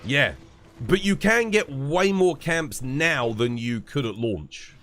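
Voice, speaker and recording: Congested from a cold, a game streamer chats casually and replies to his audience during a live stream. He takes his time, speaking in an expressive, medium-pitched voice with a fairly bright tone.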